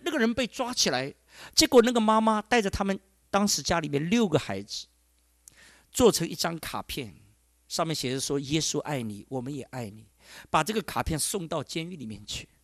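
Male pastor preaching a testimony, emotional and exclaiming, a bit high-pitched, dry close sound. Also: a bit bright, no echo. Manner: emotional storytelling with frequent sighing exclamations. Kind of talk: sermon with a personal testimony.

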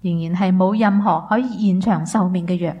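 A woman interpreting a sermon phrase by phrase, steady and fluent, with small filler sounds. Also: lowish voice, fairly quick, muffled recording.

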